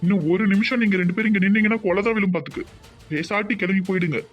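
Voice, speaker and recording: A man's voice: high voice, rapid-fire, dull audio, soft background music. A man voicing a stern, angry village father in a cartoon, with a Tirunelveli Tamil accent and a blunt, threatening bark. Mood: furious. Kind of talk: cartoon voice acting.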